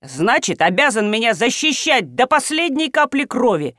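A woman voicing a bossy old village wife who commands and scolds loudly. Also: fairly high pitch, very animated, moderate pace, no echo, clean studio sound.

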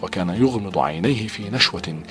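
A man narrating an audiobook novel in a measured, dramatic reading style. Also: deep voice, expressive.

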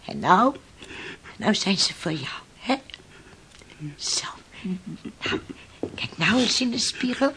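Whispering in an exaggerated, very animated way, an actress plays a fisherman's middle-aged mother in a Dutch radio drama: stern and desperate, shifting between bullying and coaxing. Her mid-range, slightly bright voice goes slowly with frequent pauses. Scolding exclamations give way to pleading in a tender, coaxing mood.

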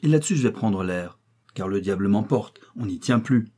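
A man's voice: fairly low pitch, animated, moderate pace, warm tone, breathy edge. A man reading an audiobook voices a blunt, outspoken country doctor who exclaims and swears in indignation. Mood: indignant.

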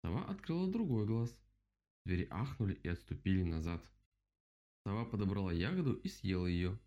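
A man reading a children's story aloud in an expressive, playful way. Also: on the low side, brisk. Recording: dull lo-fi recording.

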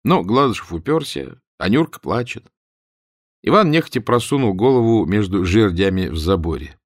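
A man narrating humorous prose as an audiobook reader, telling it with expressive irony. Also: fairly low pitch, normal speed, dry recording, studio quality. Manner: expressive, ironic storytelling.

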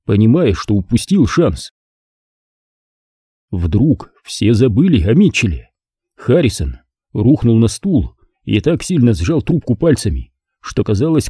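A man narrating a crime novel as an audiobook in a measured, expressive reading, close to the mic. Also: mid-range voice, slightly rough, no room sound.

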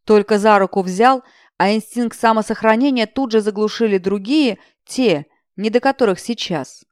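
A woman's voice: medium pitch, moderate pace, dry recording, studio quality. Woman reading a fantasy audiobook. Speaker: audiobook narrator. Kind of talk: first-person fantasy audiobook narration.

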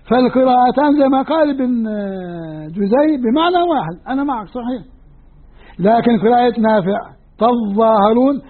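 A man's voice: very high voice, breathy edge. A man with a Levantine Arabic accent teaching a Quran lesson, explaining patiently and repeating and counting points aloud with his listeners. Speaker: Quran lecturer. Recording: tinny lo-fi lecture recording.

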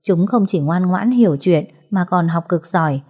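Mellow woman storyteller. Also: on the low side, normal speed, husky. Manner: calm, even storytelling. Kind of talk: scripted story narration.

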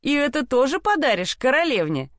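A woman's voice: sits high, big pitch swings, a little fast, a bit bright, no room sound, clean studio sound, voice pushed up. A woman voicing a pair of haughty, learned young brothers in a storybook reading, scornful and mocking.

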